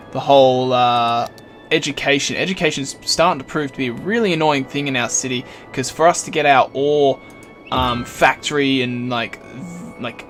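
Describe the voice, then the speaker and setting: A man hosting a gaming video, talking through his moves in a casual let's play commentary while he plays. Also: medium pitch. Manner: relaxed, thinking aloud while building. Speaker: gaming channel host.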